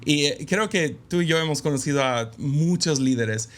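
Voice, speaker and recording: A man with a slightly high voice speaks at a moderate pace as a guest in a conversational interview. A pastor's son and preacher himself, he is reflective and candid, with many hesitant fillers.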